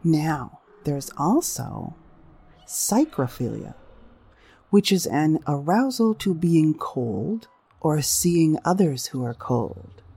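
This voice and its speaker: A woman's voice: low-pitched, sing-song, takes it slowly, gravelly, dark tone, breathy edge. A woman hosting a humorous solo talk show, speaking in a wry, teasing way with theatrical asides to listeners. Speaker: host of a sex-topic show.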